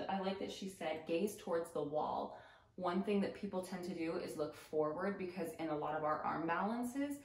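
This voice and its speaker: A woman yoga instructor giving casual, explanatory commentary with gentle cautions. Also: low-pitched, reverberant, poor audio. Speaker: yoga instructor reacting to videos.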